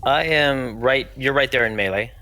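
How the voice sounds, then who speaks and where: Bright, forceful male tabletop player. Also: mid-range voice, normal speed, slight background noise, low-quality recording. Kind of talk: casual tabletop game chat.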